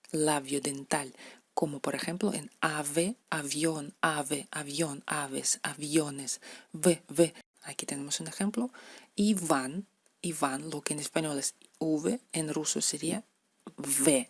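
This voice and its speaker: Woman teacher, low and husky, patient repeater of example words. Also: a little mellow, dry recording. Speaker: language teacher. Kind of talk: explaining letter pronunciation to beginners.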